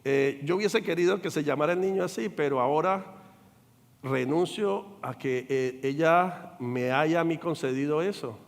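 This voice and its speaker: An older man, a pastor, preaching a sermon with animated delivery, acting out quoted voices and checking in with the congregation. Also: fairly high pitch, normal speed, gravelly, long reverb tail. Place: church sanctuary.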